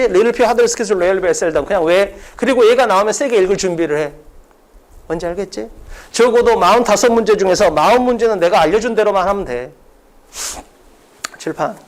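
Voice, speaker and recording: A man giving a test-prep English lecture in a brisk, emphatic classroom style, often asking a question and answering it himself. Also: high voice.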